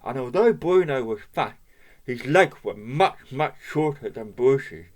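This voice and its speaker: A man's voice: mid-range voice, animated, measured pace. A man reading a children's picture book aloud, asking the listener questions and pointing out the pictures. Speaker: storybook reader.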